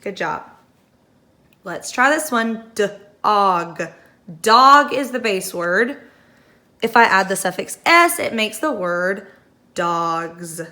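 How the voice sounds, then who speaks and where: A young woman teaching phonics to first graders, slowly sounding out letters and words and praising the class. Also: on the high side, animated, pushed and bright. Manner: encouraging praise. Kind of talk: phonics lesson for young children.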